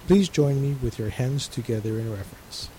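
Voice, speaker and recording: Man, resident minister, calm measured radio sermon, mellow voice, faint hiss. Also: medium pitch, low-quality recording.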